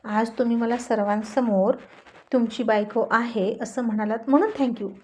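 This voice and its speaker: A woman's voice: on the high side, fairly even intonation, moderate pace, warm tone, close to an everyday voice. A woman voicing a shy, playful young wife in a narrated story, speaking coyly and teasing. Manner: coy, teasing.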